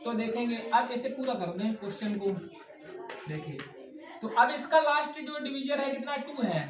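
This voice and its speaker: A woman's voice: on the high side, moderate pace, crowd noise. A woman tutor giving a blackboard maths lesson, who asks a question and then repeats the answer. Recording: echoey room, distant mic, background noise.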